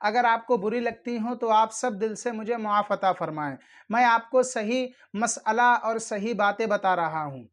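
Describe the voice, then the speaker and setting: Man, high-pitched, channel host giving religious how-to instruction; earnest, admonishing, addresses viewers formally. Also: measured pace, fairly bright tone. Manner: earnest, admonishing, repeats warnings. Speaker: channel host teaching prayer rules.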